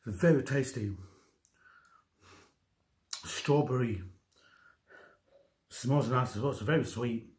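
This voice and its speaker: A man in his thirties giving casual eating commentary in short remarks with pauses, talking as he eats. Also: mid-range voice, darkish tone. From United Kingdom. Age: 30s. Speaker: mukbang vlogger. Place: indoors in a home kitchen-diner. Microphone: camera on the table at about arm's length.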